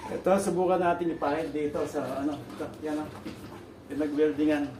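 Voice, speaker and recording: A man's voice: a little high, fairly even intonation, fairly quick. Filipino man over machine noise, distant and echoey. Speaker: DIY vlogger demonstrating painting. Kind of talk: casual hands-on demonstration. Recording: roomy, distant mic, clear machine noise.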